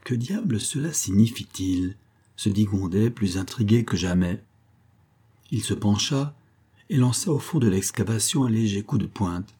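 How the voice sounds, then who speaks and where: Low, husky male audiobook narrator. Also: moderate pace, mellow. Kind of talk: scripted narration of a classic novel.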